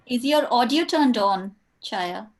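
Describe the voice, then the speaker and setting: High-voiced woman over a group video call. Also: lively intonation, slow. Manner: helpful, patiently explaining settings. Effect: heard over a group video call. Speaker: invited guest on a video call. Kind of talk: casual chat.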